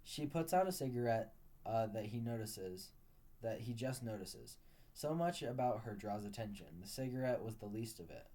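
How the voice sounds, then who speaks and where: Mellow male story narrator. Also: on the low side, animated, moderate pace. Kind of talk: story read-aloud.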